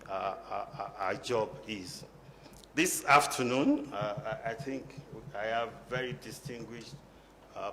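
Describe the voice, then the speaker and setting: A man moderating a conference panel, speaking haltingly and often repeating words. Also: medium pitch, fairly bright tone. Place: conference hall. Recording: echoey conference hall, faint noise.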